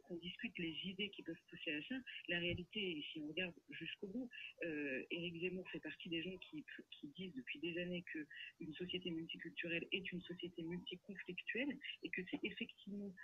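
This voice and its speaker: Fast-talking husky woman commentator. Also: lowish voice, lo-fi sound. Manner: fast, argumentative, frequent hesitations. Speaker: political commentator. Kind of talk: radio debate commentary.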